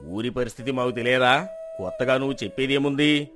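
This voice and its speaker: A man playing an arrogant landlord, scornful, haughty, dismissive, soft music under him. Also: medium pitch, fairly quick, natural voice. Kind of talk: storybook drama acting.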